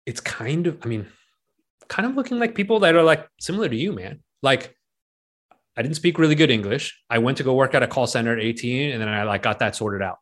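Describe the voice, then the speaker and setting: In a casual interview, a late-thirties investor from Penang, Malaysia, speaks a little fast at medium pitch. His relaxed delivery is full of filler words, especially "like" and "right".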